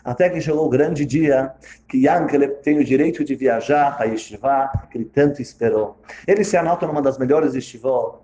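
A man, a religious teacher telling a story in a sermon with a dramatic, animated delivery. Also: medium pitch, brisk, echoey room, lo-fi sound.

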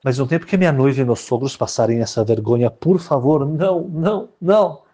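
A man voicing a desperate young bridegroom who begs a rabbi not to expose him, in a high pleading tone. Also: lively intonation, brisk, mellow, close to an everyday voice. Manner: whining, begging.

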